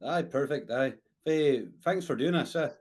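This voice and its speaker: A man with a Scottish Highland accent hosting a casual interview, hesitant, repeating words and often tagging sentences with "eh". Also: moderate pace, darkish tone. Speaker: podcast host.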